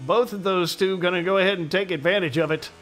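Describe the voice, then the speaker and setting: A man calling a sim racing event as play-by-play commentator, excitable and quick to exclaim. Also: high-pitched, a little hiss or hum.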